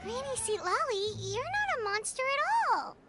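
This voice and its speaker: A woman voicing a tiny, earnest, curious childlike companion sprite in a video game, with a squeaky voice. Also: very animated, normal speed, sharp tone, heavily acted. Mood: concerned. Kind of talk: animated video game acting. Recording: music clearly behind the voice.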